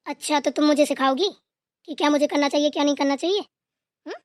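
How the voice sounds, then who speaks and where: A woman's voice: high-pitched, fairly quick, darkish tone, no echo, lightly acted. A woman voicing a stern, domineering grandmother in a cartoon who scolds and gives orders. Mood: scolding. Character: stern bossy grandmother, head of the house.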